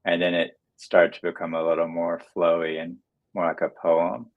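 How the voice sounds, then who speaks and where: A man, a musician guest on a livestream interview over a video call, speaking softly and hesitantly with many fillers. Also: sits low, level tone, normal speed, phone-quality sound.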